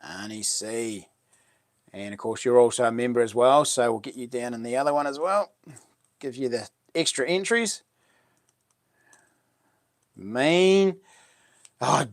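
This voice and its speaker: Male livestream host, broad Kiwi accent, mid-to-low pitch, dry sound, matey and slangy. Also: measured pace, pauses often, no room sound. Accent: New Zealand. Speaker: live stream host. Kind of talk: casual livestream chat, reading out comments.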